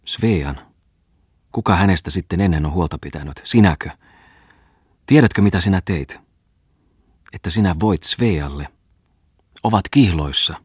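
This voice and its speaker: A man's voice: sits low, animated, long pauses, slightly rough, no room sound, clean studio sound. A male reader playing a bitter, ruined old merchant who reproaches his wife. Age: older.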